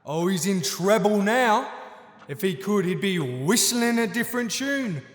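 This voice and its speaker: A man's voice: sits high, animated, unhurried. An actor playing a smug, mocking underground king who chuckles at his victims in a fantasy audio drama. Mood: gleeful mocking. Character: gleeful smirking male Nome King, mocking villain of a mountain. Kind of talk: full-cast fantasy audio drama acting. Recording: roomy, long cavernous reverb.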